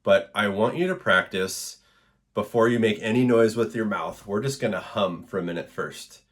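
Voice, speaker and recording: A man teaching an introductory vocal percussion lesson in an encouraging, relaxed way, with frequent fillers. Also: on the low side, normal speed. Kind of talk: instructional video lesson.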